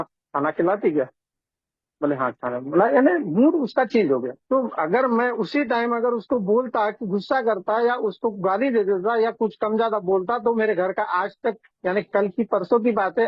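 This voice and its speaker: A man's voice: high voice, dry recording. A man sharing his recovery story at a support meeting, talking earnestly and conversationally and often calling the listeners friends. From India. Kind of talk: personal recovery testimony. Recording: tinny phone-line audio.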